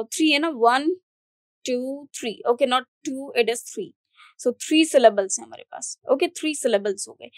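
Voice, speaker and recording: A woman leads an exam-prep grammar lesson in a high, clear voice. She explains each rule step by step and keeps checking in with her students. She is recorded close to the mic in a dry, dead room. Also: no room sound. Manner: explains step by step with frequent "okay?" and "है ना?" check-ins. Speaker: English teacher.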